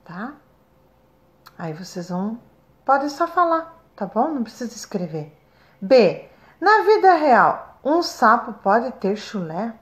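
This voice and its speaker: A woman with a Brazilian Portuguese accent, a first-grade teacher recording a remote lesson, speaking slowly and stretching out syllables for young children. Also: medium pitch, lively intonation. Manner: slow, sing-song, stretches syllables for children.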